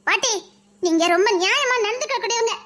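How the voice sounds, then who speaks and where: A woman's voice: very high-pitched, animated, fairly quick, background noise. A woman playing a young wife protesting and pleading with her grandmother, in a Tirunelveli Tamil accent.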